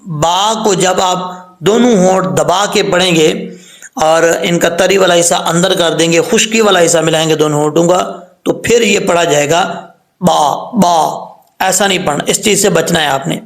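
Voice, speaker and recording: In a roughly recorded, echoey room, a high-pitched man with a Pakistani Urdu accent gives a spoken tajweed lesson. He teaches Quran pronunciation step by step, patiently stretching out each letter sound and repeating it.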